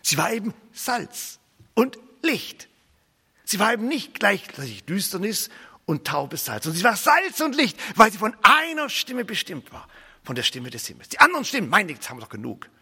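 A man preaching a sermon, emphatic and repetitive, swinging between loud declarations and hushed, near-whispered lines. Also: high-pitched, breathy edge, in a large hall.

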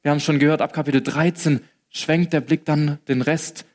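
A man preaching a sermon, retelling scenes in a lively, colloquial way and acting out the quotes. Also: a little high, moderate pace.

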